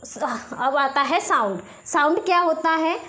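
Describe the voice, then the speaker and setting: A woman's voice: high voice, lively intonation, a little slow, pushed and bright. A woman with an Indian accent teaching a spoken English lesson, explaining step by step and checking in often.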